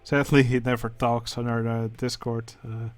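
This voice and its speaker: A man with a Dutch accent, speaking English as a second language, who hosts a channel and comments casually on game contest entries, pausing often with filler sounds. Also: mid-range voice, flat delivery, dry recording, faint music behind. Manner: hesitant, many filler sounds. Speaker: channel host judging a building contest.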